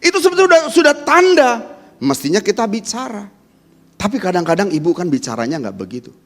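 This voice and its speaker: A man's voice: sits high, very animated, quick pace. A male pastor delivers a sermon at a Sunday service, his voice swinging widely up and down as he preaches. He talks directly to the congregation and keeps throwing rhetorical questions at them. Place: church during a Sunday service.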